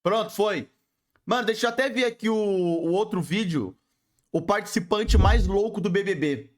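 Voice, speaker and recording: A man with a Brazilian accent reacting casually to a video, talking in excitable, slangy bursts. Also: high-pitched, normal speed. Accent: Brazilian Portuguese. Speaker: react streamer.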